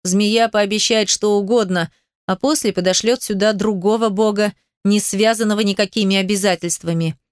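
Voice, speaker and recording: A woman's voice: mid-range voice, steady tone, normal speed, clean tone, dry recording, studio quality, natural voice. A woman voicing a proud young male herald who speaks coldly and with control. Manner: cold, controlled.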